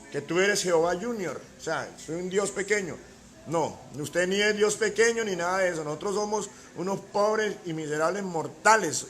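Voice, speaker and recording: A man's voice: high-pitched, fairly bright tone. A man preaching a sermon as pastor, emphatic, with rhetorical questions and repeated key words.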